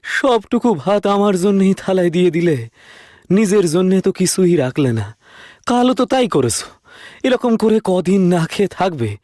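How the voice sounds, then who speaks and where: A man's voice: high voice, animated, normal speed, warm tone, no echo, studio quality. A man voicing a poor, anxious village farmer in a cartoon, with a plaintive, worried manner. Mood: dejected, worried. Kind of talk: cartoon dialogue.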